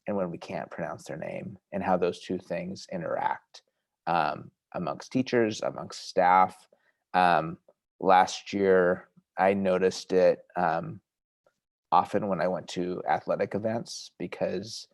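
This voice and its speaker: A middle-aged man, a school district administrator, speaking at a board meeting in a halting way with many fillers. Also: sits low, gravelly, no echo. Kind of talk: meeting remarks. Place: meeting room.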